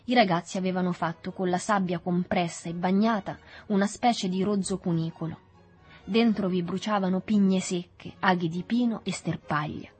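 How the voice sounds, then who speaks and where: A woman reading a novel aloud in a measured, even storytelling manner. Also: on the low side, slightly rough, soft background music. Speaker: audiobook reader. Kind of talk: literary audiobook narration.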